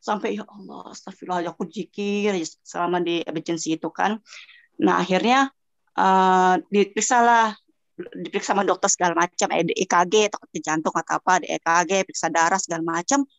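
Animated woman telling her story, lo-fi. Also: fairly low pitch, brisk. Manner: animated, acts out her own cries and sounds. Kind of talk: casual personal storytelling. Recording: dull lo-fi voice message.

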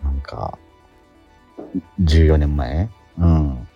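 This middle-aged radio host, who also acts on stage, has a slightly rough bass voice and speaks very slowly, with the highs cut off in the audio. He tells stories about a theatre production in a casual chat, slipping into acted-out asides, over background music.

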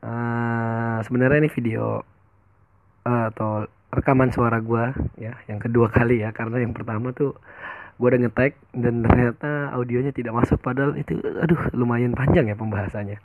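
A man's voice: mid-range voice, steady tone, normal speed, phone-quality sound, a little hiss or hum. A young man in his twenties hosting his own podcast alone, talking in a loose, rambling way with many fillers and restarts, recorded on a headset mic at home. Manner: rambling, many fillers and restarts, mixes casual and polite speech. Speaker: podcast host. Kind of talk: casual solo podcast monologue. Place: room at his parents' home. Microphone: headset mic on a phone.

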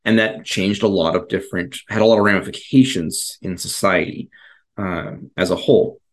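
A man's voice: sits low, steady tone, moderate pace. A man co-hosting a casual history discussion, talking in a rambling way with many fillers and restarts. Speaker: podcast co-host.

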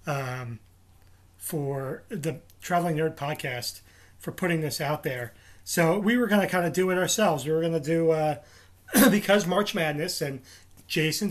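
A man's voice: a little high, fairly bright tone. A man with a New Jersey accent co-hosting a casual podcast, leading the segment and laughing often. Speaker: podcast co-host.

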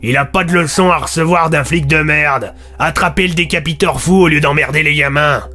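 A man's voice: a little high, brisk, sharp tone, faint music behind. A man playing a coarse, menacing father. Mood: hostile. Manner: insulting, menacing, crude slang. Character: aggressive violent father, coarse and threatening.

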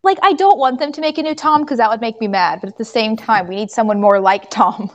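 A woman's voice: fairly high pitch, fairly quick, lo-fi sound. A young woman in casual fan chat, talking freely and laughing often. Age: young adult. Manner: chatty, laughs often, acts out quotes. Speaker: podcast co-host. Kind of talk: casual chat among fans.

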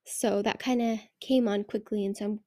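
A woman's voice: medium pitch, steady tone, normal speed, dark tone, no echo, studio quality. A woman hosting a casual podcast, recording herself under a giant blanket on her bed, nasal from a cold, chatty and rambling with little laughs. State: has a cold, sounds nasal. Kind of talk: casual solo podcast chat.

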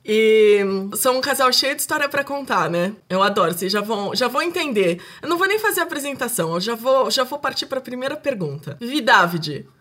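A woman's voice: a little high, sing-song, brisk, hardly any pauses, fairly bright tone. A woman with a Brazilian accent hosting a podcast in a casual, conversational way. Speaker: podcast host.

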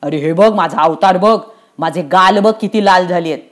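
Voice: medium pitch, moderate pace, natural voice. A reader voicing a harried male messenger of death who complains and pleads. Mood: complaining. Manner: complaining, self-pitying. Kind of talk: storytelling play reading.

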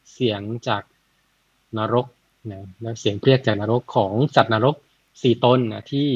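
A man retelling a Buddhist story in a casual, chatty way, often adding soft tag words and working out sums aloud. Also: mid-range voice, husky, no room sound, dull audio. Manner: chatty, frequent "na" tags, thinks aloud with math.

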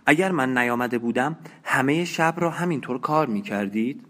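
A man reading an audiobook and voicing a lively, eager young woman who talks in an animated, caring and slightly coquettish way. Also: medium pitch, lightly acted. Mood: eager, insistent. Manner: animated and concerned, a bit coquettish.

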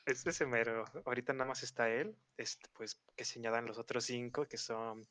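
A man, a game developer chatting casually on an online call in a relaxed way. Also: mid-range voice, normal speed.

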